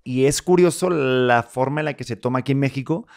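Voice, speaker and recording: A man hosts a podcast in casual chat. His voice sits in a middle register. He tells stories in an animated, jokey and emotional way. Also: mid-range voice, a little fast, vocal fry. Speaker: podcast host.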